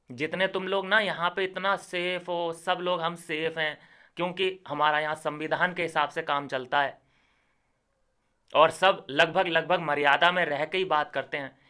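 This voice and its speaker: A man's voice: fairly high pitch, pushed and bright, clear, resonant tone. A young man making a ranting commentary video, indignant and lecturing, with heavy sarcasm. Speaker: YouTuber.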